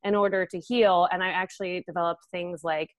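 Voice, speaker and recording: A woman's voice: on the low side, fairly even intonation, brisk, no room sound. A woman in her thirties, an interview guest speaking earnestly in a casual conversation, with many "um"s and "like"s. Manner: earnest, frequent fillers like "um" and "like".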